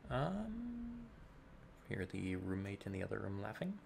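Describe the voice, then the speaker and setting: A man's voice: lowish voice, huge pitch swings, a little slow, vocal fry, a little mellow, a little hiss or hum. A man giving dry, sarcastic, rambling commentary over his gameplay at home into a desk mic. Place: home room.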